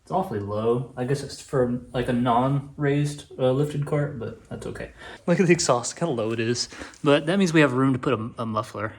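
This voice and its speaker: A man in his thirties hosting a casual home vlog, relaxed and thinking aloud as he works outdoors on a cold evening. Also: medium pitch, normal speed. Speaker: channel host and dad. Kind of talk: casual hands-on vlog chat. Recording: noisy outdoor camera recording.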